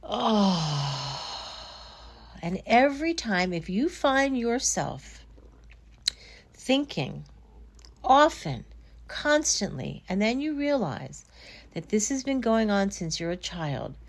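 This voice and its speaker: A middle-aged woman therapist calmly explaining self-blame through everyday examples, in a reflective podcast talk. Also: fairly high pitch, slow.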